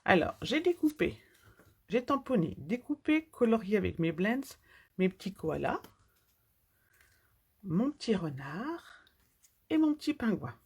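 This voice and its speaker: A woman's voice: medium pitch, sing-song, measured pace, pauses often, darkish tone, slightly rough. A woman from France chatting through a live card-making tutorial as she works with her hands, sometimes dropping to a near-whisper while she concentrates. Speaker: papercraft demonstrator.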